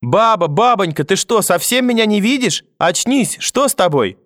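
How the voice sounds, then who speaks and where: A man's voice: high voice, animated, moderate pace, fairly bright tone, no echo, studio quality, voice pushed up. A man voicing a frightened young boy who pleads in panic with his grandmother.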